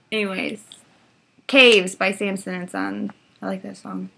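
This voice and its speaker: A woman's voice: mid-range voice, big pitch swings, unhurried, gravelly, sharp tone. A young woman co-hosting a book vlog, chatting casually through a tag and often laughing. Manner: giggly, bursts into laughter. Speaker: book vlogger co-host. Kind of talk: casual chat answering a tag.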